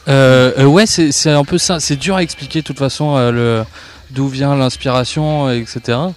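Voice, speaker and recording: A man's voice: mid-range voice, moderate pace. Hesitant young man in a radio interview. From southern France. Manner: hesitant, many fillers, easygoing laughs. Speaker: guest musician. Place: outdoor festival park.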